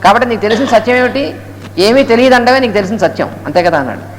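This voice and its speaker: A man with a high voice rushes through a spiritual discourse, breaking off to chant Sanskrit verses slowly. His talk rings with the long reverb of a hall, and a faint hiss sits behind it. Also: animated. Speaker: Gita lecturer. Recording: echoey hall with faint noise.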